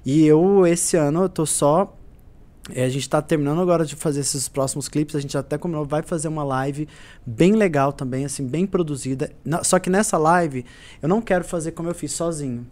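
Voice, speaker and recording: Earnest man, slightly high voice. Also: a little fast, darkish tone. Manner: earnest, repetitive storytelling. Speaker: musician guest. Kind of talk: casual podcast conversation.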